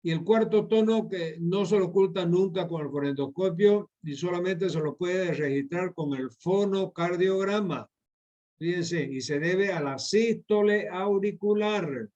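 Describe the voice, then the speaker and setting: A man's voice: high voice, measured pace, warm tone. A middle-aged man giving a medical lecture over slides, repeating key points and addressing his students directly. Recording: dull lo-fi lecture recording.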